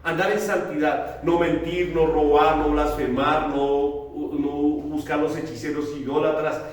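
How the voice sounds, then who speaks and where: A man's voice: fairly high pitch, steady tone, a little slow, a little hiss or hum. A man preaching a sermon in a plain, conversational way, asking questions and answering them himself. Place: church hall. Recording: very echoey room, voice from a distance.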